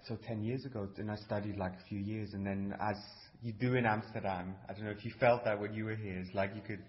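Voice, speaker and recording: A man in his thirties from Cyprus with a London English accent, a composer speaking haltingly in a casual interview. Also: on the low side, fairly even intonation. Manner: halting, many restarts, laughs easily. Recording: dull lo-fi sound.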